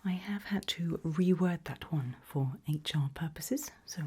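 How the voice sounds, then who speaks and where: Taking on the role of a politely sinister HR interviewer at an evil organisation, a woman stays calm through this ASMR roleplay. She uses a breathy whisper and soft, low murmurs, pacing herself deliberately and leaving pauses.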